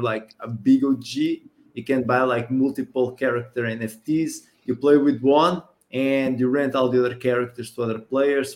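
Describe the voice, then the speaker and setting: A man's voice: medium pitch, darkish tone. A man co-hosting a gaming podcast, talking casually and with enthusiasm. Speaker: podcast co-host.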